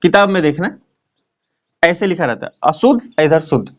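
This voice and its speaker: High-voiced man teaching grammar. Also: animated, moderate pace, dull audio. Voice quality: talks in a chatty explaining way with frequent check-ins. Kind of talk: classroom lesson at a board.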